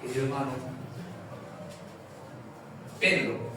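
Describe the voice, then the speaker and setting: A man with a mid-range voice preaches a sermon slowly and with passion, telling stories and acting out their dialogue. He was recorded from a distance in a large church hall, so the sound is echoey with ambient noise.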